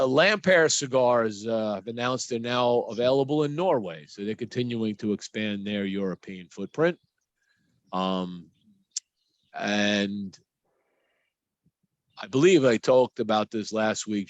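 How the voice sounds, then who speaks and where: A man's voice: low voice, no room sound. A man hosting a podcast, giving a casual news rundown with a loose, filler-heavy delivery. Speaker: podcast host.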